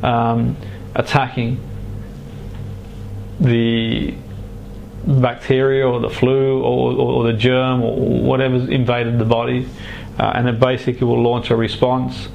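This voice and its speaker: A man speaking as a hypnotherapist to a client, guiding and explaining in halting, deliberate phrases with pauses. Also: medium pitch, little pitch movement, vocal fry, darkish tone, lo-fi sound, slight background noise. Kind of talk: guided relaxation and explanation to a client.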